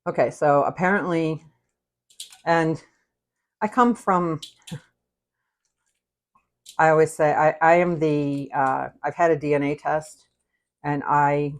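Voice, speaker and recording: An American woman in her sixties hosts a cooking livestream, rambling casually and candidly, often cutting herself off mid-thought. Her voice sits low and steady, and she talks slowly with frequent pauses.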